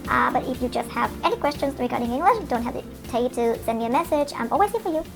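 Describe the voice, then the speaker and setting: A young adult woman coaching English on her solo podcast speaks with a Vietnamese accent, Vietnamese being her first language. Her high, expressive voice carries vocal fry, and she's earnest and encouraging, often pausing on fillers over faint background music.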